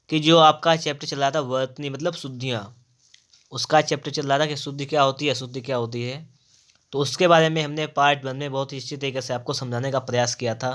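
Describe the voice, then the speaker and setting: A man's voice: mid-range voice, fairly bright tone, clear, resonant tone. A man teaching a Hindi spelling lesson for exam preparation, repeating each word and asking and answering his own questions.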